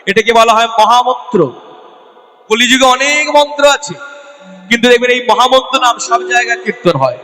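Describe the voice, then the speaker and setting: A man's voice: very high voice, bright, forceful tone, in a large hall. A man preaching at a devotional gathering as a kirtan singer, asking the listeners questions and answering them himself. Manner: asks the audience rhetorical questions and answers them; addresses the women listeners directly. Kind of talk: devotional sermon with call-and-response chanting. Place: devotional gathering before a live audience.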